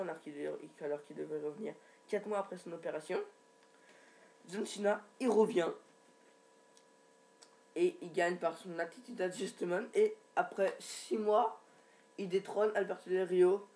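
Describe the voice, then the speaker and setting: A man's voice: sits high, a little mellow. A man giving a casual, rambling recap from his home computer, with many restarts and fillers. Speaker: wrestling recap vlogger.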